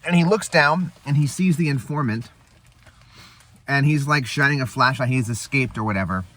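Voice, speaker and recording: A man's voice: medium pitch, moderate pace, sharp tone. A man hosting a casual eating show, rambling and laughing as he retells a movie between bites. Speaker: host. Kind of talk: casual chat.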